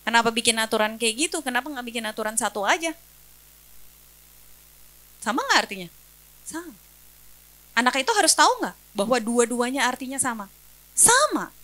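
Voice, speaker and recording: A woman speech-language pathologist gives an educational talk for parents in a high-pitched, bright, forceful voice. She explains step by step, poses rhetorical questions and answers them herself, and lists examples one at a time.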